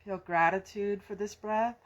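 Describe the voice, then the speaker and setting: A woman guiding a yoga breathing practice in a slow, soft, soothing way. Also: medium pitch, steady tone. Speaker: yoga instructor. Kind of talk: guided breathing instruction.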